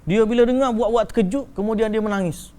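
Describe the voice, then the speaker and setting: A male religious teacher, giving a lecture to a live audience and telling stories in a lively way, acting out the dialogue. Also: high-pitched, quick pace. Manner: lively storyteller who acts out dialogue in shifting voices.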